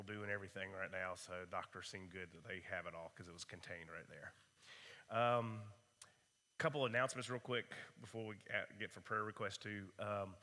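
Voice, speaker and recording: Hoarse man, low bright voice, rambling church announcements, long hall reverb. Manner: relaxed, rambling, many fillers. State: hoarse, sick with a cough. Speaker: church Bible study leader. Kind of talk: casual announcements and prayer requests. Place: church room.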